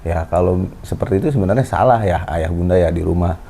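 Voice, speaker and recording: A man in his thirties hosting a casual parenting chat with his wife, explaining in a calm, lecturing way. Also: low voice, quick pace, gravelly. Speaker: host. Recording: faint background noise.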